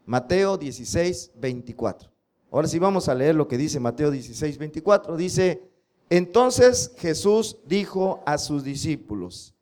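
A man preaches a sermon. He drills scripture slowly and emphatically, pausing to throw rhetorical questions at his listeners. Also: on the high side, darkish tone. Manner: slow emphatic recitation of scripture, drilling the audience. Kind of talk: sermon with congregation recitation.

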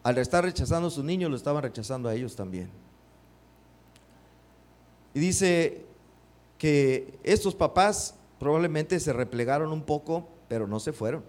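A middle-aged man preaching a sermon, animated, acting out quotes and asking the congregation rhetorical questions. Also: fairly high pitch, normal speed, long pauses. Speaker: pastor. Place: church.

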